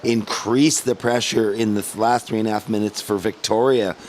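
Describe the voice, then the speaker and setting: A man's voice: lowish voice, steady tone, moderate pace, a little mellow, a little hiss or hum, poor audio. A man giving live surf contest commentary in a laid-back, casual surfer manner.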